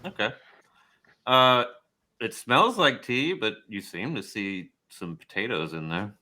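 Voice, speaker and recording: A man narrating a tabletop game as its game master, his voice bright and forceful and set a little low. He talks in a relaxed way, with plenty of ums and uhs. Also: slow pace. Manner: relaxed, filler-heavy narration.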